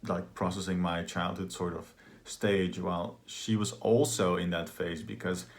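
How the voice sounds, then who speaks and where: A man's voice: sits low, steady tone, a little slow. A man candidly telling a personal story in a rambling, casual way, full of filler words. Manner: candid and confessional. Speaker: trauma healing practitioner.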